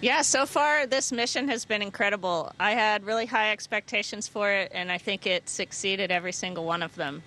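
An American woman astronaut answers interview questions casually. Her voice is bright and mid-pitched, with clear ambient equipment noise behind it. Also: brisk, few pauses, low-quality recording. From Houston, United States. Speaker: astronaut, flight engineer. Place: inside a space station module. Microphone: handheld microphone.

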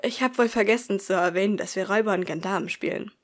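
A woman reading an audiobook, voicing an excited, breathless teenage girl who is bossy and cheerful. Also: medium pitch, fast talker, natural voice. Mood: eager. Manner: loud and eager.

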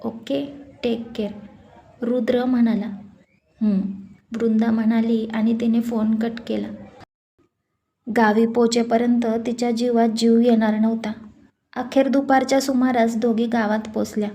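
Woman storyteller, calm scripted narration, fairly high voice, mellow dark tone. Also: moderate pace.

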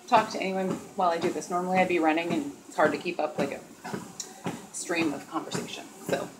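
A woman in her thirties rambling casually to camera at home while she walks on a treadmill. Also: mid-range voice. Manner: chatty, talking while walking on a treadmill. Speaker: vlogger. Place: small dim room at home, indoors. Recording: steady treadmill noise and clicks. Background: loud treadmill motor and footfalls.

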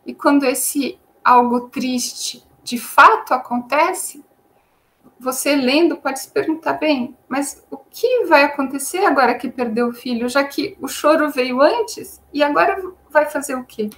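A woman's voice: high voice, unhurried, fairly bright tone, rough recording. A woman with a Brazilian Portuguese accent giving an online creative writing lesson, explaining patiently and repeating her points with frequent "né?". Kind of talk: online lecture with screen sharing.

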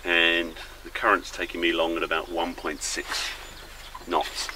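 Deep-voiced older man vlogging outdoors. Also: a little slow, background noise. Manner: relaxed, chatty, thinking aloud to camera. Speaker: solo small-boat voyager. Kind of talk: casual travel vlog commentary. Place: outdoors on a small boat on a misty river. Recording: outdoor birdsong and river ambience.

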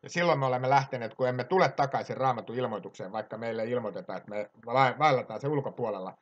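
A man preaching a sermon with passion, swinging between loud exhortation and quiet asides. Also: medium pitch, muffled recording.

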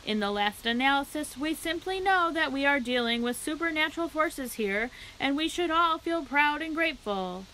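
Pompous booming fair announcer, read by a woman, bright and fairly high. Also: animated, moderate pace, hardly any pauses, a little hiss or hum, rough recording. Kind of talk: reading a children's book aloud.

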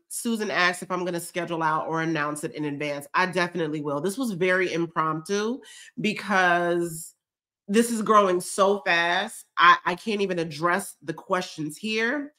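A woman's voice: fairly low pitch, pushed and bright. A woman, chatting casually and emotionally to viewers on a live stream while reading their comments. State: teary. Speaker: vlogger hosting a live stream.

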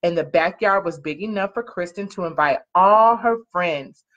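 Reading a picture book to children from a couch in a small living room, a parent-like woman tells the story expressively, stretching out key words and asking the young listeners questions. Her voice is fairly low and fairly bright, at a normal speed. A webcam or laptop mic at arm's length gives muffled lo-fi audio.

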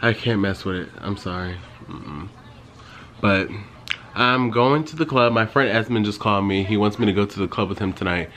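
A young male vlogger talks in a loose, rambling way, piling up asides and "like" as he tells stories. His voice sits on the low side. He is recorded on a handheld phone with a faint background hum. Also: normal speed, fairly bright tone. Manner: rambling, chatty storytelling with frequent "like". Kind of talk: casual vlog chat. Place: in his car, then at home.

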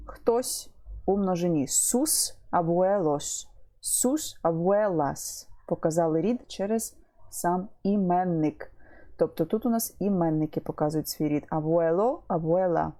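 A woman teaching an online language lesson, explaining patiently, repeating words and pausing with fillers. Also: lowish voice, dark tone.

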